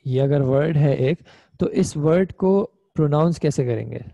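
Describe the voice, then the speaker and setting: A man's voice: fairly high pitch, a little slow, vocal fry, mellow, no room sound, lo-fi sound. A young man teaching an online Arabic grammar class, explaining patiently step by step and checking in with his students. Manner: patient, explains step by step, often asks "ठीक है?".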